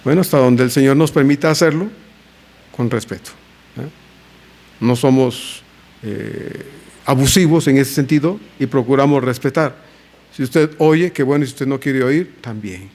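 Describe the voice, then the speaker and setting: A man preaching a sermon as pastor, animated and acting out the quotes he tells. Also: medium pitch, moderate pace.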